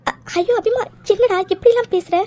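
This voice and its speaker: A woman's voice: very high-pitched, moderate pace, a crowd in the background. A woman voicing a middle-aged mother who soothes and apologises to her daughter in a cartoon drama. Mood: anxious. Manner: soothing, anxious. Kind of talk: cartoon voice acting.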